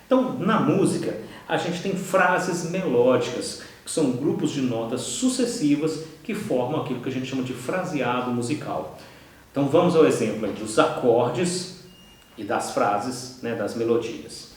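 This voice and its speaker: A Brazilian man with a Brazilian Portuguese accent teaching an online course, who keeps checking in with quick "ok?" and "tá?" asides. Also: medium pitch, expressive, recorded from a distance. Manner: explanatory, frequent "tá?" and "ok?" checks. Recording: echoey room, voice from off-mic.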